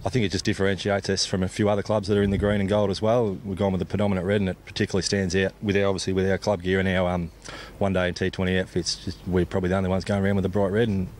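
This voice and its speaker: A deep, darkish-toned Australian man, a cricket captain, gives a colloquial, laid-back interview outdoors after play. Background noise comes through clearly along with the outdoor ambience.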